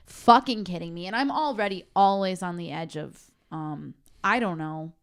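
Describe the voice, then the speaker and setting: A woman's voice: fairly low pitch, lively intonation, moderate pace, gravelly, clean tone. A young woman co-hosting a podcast, telling a story in a heated, profane, casual way. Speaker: podcast co-host. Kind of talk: casual chat.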